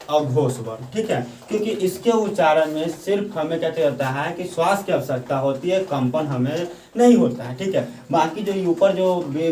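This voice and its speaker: A male Hindi grammar teacher gives a class lecture, often asking questions and answering them himself, and slowly repeating points for dictation. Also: a little high, a little mellow, a little hiss or hum. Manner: slow, drawn-out dictation at times. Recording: echoey room, voice from the mic's far side.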